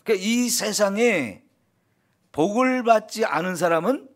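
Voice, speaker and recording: A man's voice: sits high, expressive, a little slow. A man preaching an early morning sermon as pastor, earnest and encouraging, often affirming with a short "yes.".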